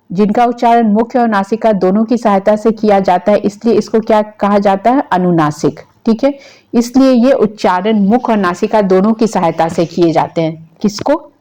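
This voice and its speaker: A woman's voice: mid-range voice, warm tone. Woman teaching grammar. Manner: asks questions and answers them herself, repeating key terms. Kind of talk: exam-prep lecture.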